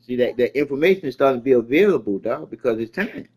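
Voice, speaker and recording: Preachy, animated man chatting on a stream. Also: mid-range voice, fast talker, breathy edge. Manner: loose, preachy, talks to viewers, stammers. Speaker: live stream host. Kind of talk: casual live stream chat.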